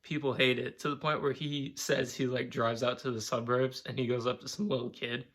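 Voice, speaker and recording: Speaking fairly quickly in a mid-range, slightly bright voice with little pitch variation, a young man vlogs from home. His casual monologue wanders, is full of profanity, and leans heavily on "like."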